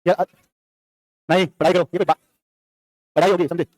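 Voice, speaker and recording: A male teacher, lecturing a classroom, quizzing students and answering his own questions in quick repetitive drills. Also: high-pitched, level tone, darkish tone, no echo.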